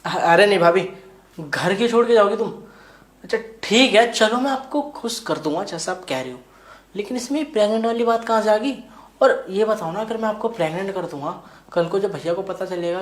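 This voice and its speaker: Low-voiced flustered young guy protesting, a woman doing him, echoey room. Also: a little fast, close to an everyday voice. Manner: protesting, exclaiming, preachy. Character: young man, flustered brother-in-law. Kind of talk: Hindi web series dialogue.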